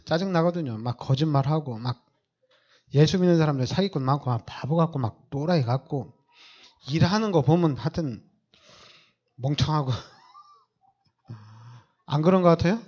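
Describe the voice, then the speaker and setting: A man's voice: a little high, a little mellow, lo-fi sound. A man preaching a sermon as pastor, emphatic and repetitive, with many rhetorical questions.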